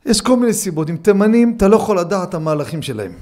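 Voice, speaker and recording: A middle-aged man, a rabbi, giving a Torah lesson in a study hall, mixing teaching with animated, humorous anecdotes. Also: high-pitched. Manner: animated storyteller, acts out scenes with humor.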